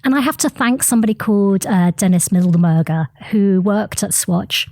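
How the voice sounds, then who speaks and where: A woman's voice: medium pitch, normal speed, no echo. A middle-aged woman telling her career story as an interview guest, chatty, with many ums and uhs. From United Kingdom. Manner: chatty, frequent ums and uhs, animated retelling. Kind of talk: interview conversation.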